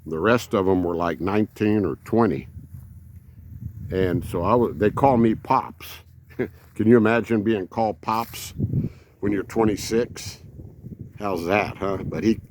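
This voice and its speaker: A man's voice: lowish voice, unhurried, pauses often, darkish tone, slight background noise. A man, telling rambling folksy stories as an RV vlogger. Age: 70s. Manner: rambling, folksy, many fillers. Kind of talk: casual storytelling.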